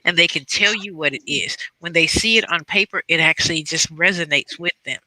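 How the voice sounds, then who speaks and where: Bright, high-voiced male teacher. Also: fairly quick, no room sound, rough recording. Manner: animated, emphatic, laughs. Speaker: special education teacher. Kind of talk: conference panel discussion.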